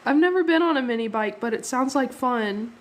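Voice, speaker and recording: Animated and brisk, this young woman's voice is on the high side. She hosts a live art stream, chatting casually as she draws, thanking her viewers and laughing easily, though she sounds slightly sniffly from a cold.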